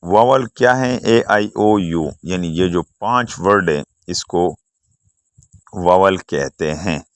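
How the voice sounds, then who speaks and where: Guy teaching exam prep, deep voice, spells stuff out slow, asks then answers himself. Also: no room sound. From Pakistan. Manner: slow and explanatory, spells words out letter by letter; asks and answers his own questions.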